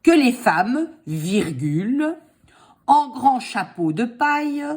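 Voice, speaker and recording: Woman dictating slowly, with swooping intonation. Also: a little high, very animated, a little mellow. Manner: dictating, drawing out words deliberately; didactic, posing questions and answering them herself. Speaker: French dictation teacher. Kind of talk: dictating slowly word by word, with spoken punctuation and spelling explanations.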